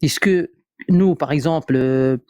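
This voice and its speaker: Male, Moroccan accent in French, soft dark tone, dry close sound, searches for words in casual debate. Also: fairly high pitch, no echo. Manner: halting, searching for words, repeats himself. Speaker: live discussion participant.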